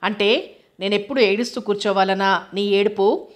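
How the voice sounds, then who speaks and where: A woman narrator voicing a withdrawn, sharp-tongued young woman with curt, bitter retorts. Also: medium pitch, moderate pace, lightly acted.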